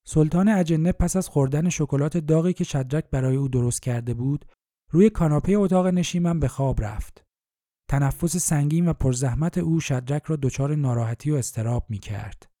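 A man calmly narrating a storybook in a measured reading voice. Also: on the high side, no echo, clean studio sound. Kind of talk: scripted narration.

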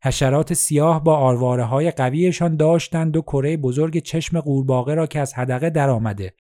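A man narrating a story in a steady, measured audiobook style. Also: on the high side.

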